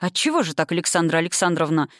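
A woman reading aloud voices a gentle, patient, bookish man who manages an estate. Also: fairly low pitch, fast, no echo, clean studio sound. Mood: mild. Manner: mild, calm.

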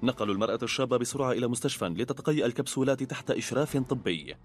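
A man narrates a documentary at a very rapid clip, his delivery even and informative. His pitch sits at an ordinary middle level, and faint music plays underneath. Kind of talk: scripted narration of a dubbed documentary.

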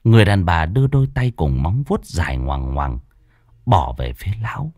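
Expressive male horror storyteller. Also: low-pitched, normal speed, dry recording, clean studio sound. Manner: dramatic, expressive. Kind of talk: dramatic horror narration.

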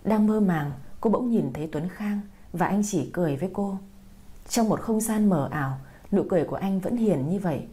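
A woman reading a romance story aloud as an audiobook narrator, in a calm, even storytelling manner. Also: mid-range voice, moderate pace.

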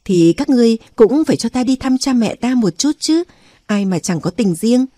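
A weary young queen , read by a woman narrator pours out her troubles in a mellow, earnest voice. The sound is close and dry, with no room around it. It is a storybook reading with a restrained touch. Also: a little high, lively intonation, normal speed, no room sound, voice pushed up. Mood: regal. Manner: earnest, confiding.

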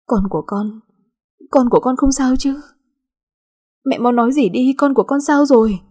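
A woman voicing a young mother frantic with grief, pleading in a shrill, tearful voice. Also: lively intonation, a little fast, mellow, husky.

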